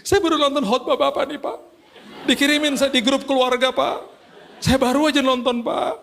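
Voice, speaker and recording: A man's voice: steady tone, moderate pace, creaky, a bit bright, slight background noise, heavily acted. A man voicing a tearful male ride-hailing driver who pleads for help and keeps addressing him as "sir", in a sermon story. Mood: tearful pleading. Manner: high, weepy, repeatedly says "Pak".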